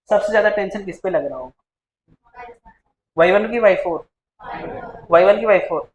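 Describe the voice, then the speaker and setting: A man teaching a physics lecture to a class, coaxing and quizzing his students all the time. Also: sits high. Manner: coaxing, keeps asking the class questions. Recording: echoey classroom with faint noise.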